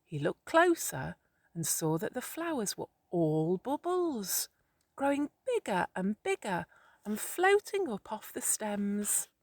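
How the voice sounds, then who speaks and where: Female storyteller, calm therapeutic bedtime-story read, unhurried, dry studio feel. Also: mid-range voice, dry recording. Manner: slow, soothing, measured.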